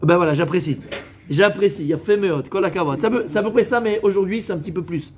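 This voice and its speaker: High-voiced man giving a joking sermon. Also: fast talker, slight background noise. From France. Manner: joking, conversational, talks straight to listeners; mixes in Hebrew religious words. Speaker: rabbi. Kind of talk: lively sermon to a live audience.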